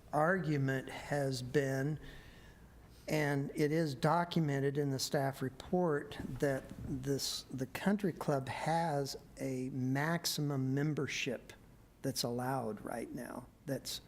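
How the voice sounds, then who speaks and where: A man giving a staff report at a city planning meeting, hesitant with many fillers, his voice a bit worn. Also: mid-range voice. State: losing his voice. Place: council meeting room.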